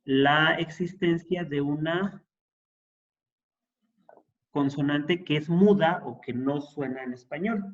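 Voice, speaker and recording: A man's voice: fairly high pitch, takes it slowly, long pauses, highs cut off. A man teaching an introductory Hebrew class, explaining patiently and checking in with his students. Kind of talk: classroom lesson.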